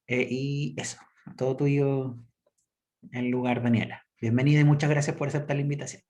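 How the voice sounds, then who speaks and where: A man's voice: mid-range voice, little pitch movement, normal speed, dark tone. A man hosting an online class, introducing the speaker politely with many hesitant fillers. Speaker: class host.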